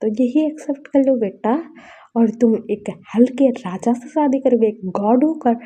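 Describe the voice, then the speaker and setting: A woman voicing a stern, commanding father who lays down orders and threats, with a husky, dark tone. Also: fairly high pitch, normal speed, voice pushed up.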